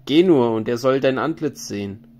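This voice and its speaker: A man's voice: medium pitch, normal speed, a little mellow, lightly acted. A man reading a grave tavern keeper woman. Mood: warning. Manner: grave, warning recitation. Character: wise female tavern keeper, stern counsel.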